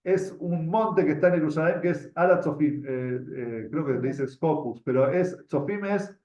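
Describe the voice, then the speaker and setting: A man's voice: a little high, normal speed, darkish tone. A man with an Argentine accent tells a religious story to a group as a teacher. He often stops to repeat words while he searches for the next one, and he asks his listeners questions. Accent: Argentine Spanish. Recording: echoey room, dull lo-fi sound.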